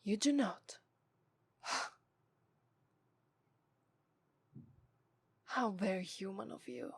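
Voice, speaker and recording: Speaking with an Italian accent, a woman plays a haughty, scornful, seductive demon in an ASMR roleplay, her formal, deliberate delivery slipping into breathy whispers. Her voice sits in the mid range, the mood is contemptuous, and there is no echo.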